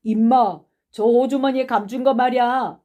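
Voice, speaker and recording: A woman voicing a brash schoolboy ringleader who hurls loud, taunting accusations in an audiobook reading. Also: mid-range voice, measured pace, lightly acted. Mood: accusing.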